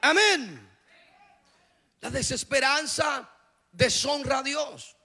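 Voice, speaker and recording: A man preaching a sermon as pastor, with a sing-song delivery that builds into impassioned shouting. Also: very high-pitched, takes it slowly.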